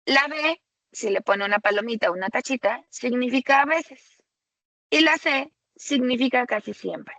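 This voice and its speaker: A woman presenting a webinar lecture for tutors, explaining slowly and conversationally and often checking in with a rhetorical "¿sale?". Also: fairly high pitch, fairly bright tone, no room sound, rough recording.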